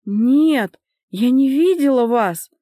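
Lady doing a shy teary young girl, soft and pleading, a bit higher. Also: animated, moderate pace, husky, no room sound, studio quality. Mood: tearful pleading. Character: timid tearful young girl, a ward.

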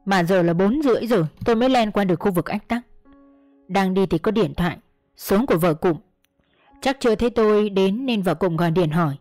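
A woman narrating a first-person story in a steady storytelling manner. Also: mid-range voice, brisk, dry recording. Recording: dry close mic, faint music.

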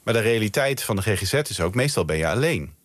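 A guest researcher with a Dutch accent talks on a night radio show in a studio, his low-leaning voice expressive and fast. He explains thoughtfully but with frequent fillers and restarts, and the studio mic gives a dry recording.

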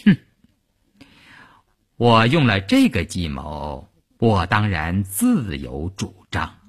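A male storyteller voicing a cold, ruthless female deputy political commissar who speaks slowly and deliberately. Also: mid-range voice, huge pitch swings, a bit bright, husky, full character voice. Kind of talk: traditional storytelling.

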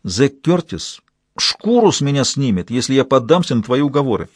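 A young male deputy, easily flustered and pleading with his prisoner, as an audiobook reader plays him. The voice is husky and only a touch raised. The recording is close and dry. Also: medium pitch, big pitch swings, normal speed, dry recording, voice pushed up.

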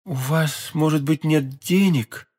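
A man voicing a devoted young woman in an audiobook, hushed, pleading and fearful. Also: a little high, slow. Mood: anxious. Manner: hushed, pleading, often whispered.

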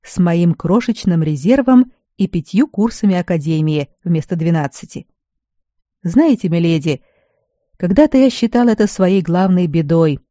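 A reader voicing a weary male garrison healer who scolds at first, then speaks with fatherly gentleness. The recording is dull and dry. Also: sits high, no echo. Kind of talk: audiobook character voice.

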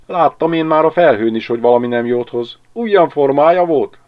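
A man reading an audiobook and voicing an excitable, gossiping village woman who chatters breathlessly. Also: medium pitch, dry recording, dull audio, voice pushed up, natural voice. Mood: excited.

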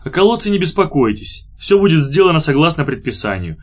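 A man's voice: fairly high pitch, sing-song, a little fast. Guy reading a stuffy pompous army officer, stiff bureaucratic talk. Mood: officious. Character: pompous middle-aged male army officer.

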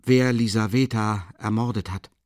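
A man's voice: on the low side, fairly even intonation, normal speed, dry recording, studio quality, close to an everyday voice. A man voicing a feverish, exhausted young man who murmurs faintly and feebly. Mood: confessing.

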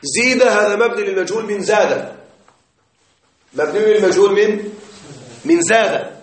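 A man teaching a grammar lesson in a classroom, explaining slowly, repeating points and checking that his students follow. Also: high-pitched. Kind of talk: classroom lecture on Arabic grammar. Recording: very echoey room, voice far from mic.

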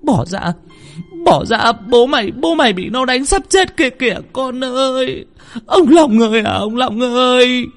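Brief: man playing a hysterical elderly mother crying out, lively high pitch. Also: unhurried, hardly any pauses, faint music behind, full character voice. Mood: frantic crying. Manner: frantic, tearful shrieking. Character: panicked older mother crying for her husband.

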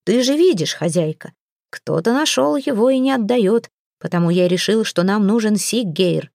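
Woman reading chieftain father, excitable, stern, exclaiming, storybook, warm voice, dry sound. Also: medium pitch, normal speed, gravelly, no room sound. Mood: annoyed. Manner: agitated, exclaiming.

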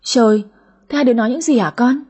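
A woman's voice: a little high, fast, darkish tone, breathy edge. A woman playing a nagging, fussing mother. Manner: nagging, complaining.

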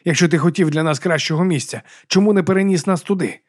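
A man voicing a desperate, hoarse man who accuses and pleads with his old mentor in an audiobook. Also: a little high, steady tone, fast, no echo, clean studio sound. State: hoarse, burning throat. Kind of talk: audiobook character voice.

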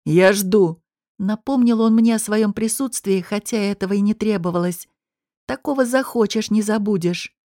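A woman reading a first-person audiobook in a measured, expressive storytelling manner. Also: medium pitch, no echo, clean studio sound. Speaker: audiobook narrator.

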